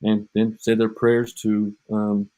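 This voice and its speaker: Slow, warm and lowish, this co-host's voice has a completely flat delivery. He meanders through jokey, casual podcast talk and trails off mid-thought, with echo from his home microphone.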